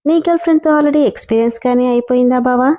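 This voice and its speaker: A woman's voice: high voice, quick pace, mellow, natural voice. A woman voicing a playful, affectionate young wife who coaxes and pleads with her husband. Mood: coaxing. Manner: coaxing, pleading.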